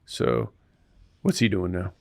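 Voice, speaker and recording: A man's voice: deep voice, big pitch swings, slow, vocal fry, a little mellow, no room sound, clean studio sound. Laid-back man hosting a podcast. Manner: laid-back, short friendly replies. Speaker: podcast host. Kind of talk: casual podcast interview.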